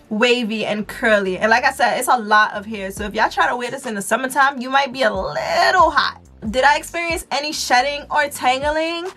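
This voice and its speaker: A woman's voice: sits high, bright, forceful tone. An American woman giving a casual, chatty product review as a beauty vlogger, talking in informal slang straight to her viewers.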